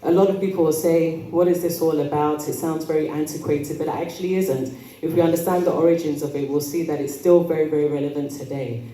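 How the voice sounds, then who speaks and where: A woman giving a motivational talk as an etiquette coach, with prim, precise enunciation and a measured, polite manner. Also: sits low, steady tone, mellow. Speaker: etiquette coach speaking at an event. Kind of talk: motivational talk to a live audience. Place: indoor event room with audience. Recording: roomy, distant mic, noisy hall.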